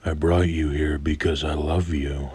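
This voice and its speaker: A man playing an adult male captor in a horror role-play, speaking with a sweet, eerily obsessive manner in a husky voice. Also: rumbling low, flat delivery, a little slow, a little mellow, pitched below the performer's own voice, full character voice. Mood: obsessively loving. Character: grown man captor, obsessively in love, falsely soothing.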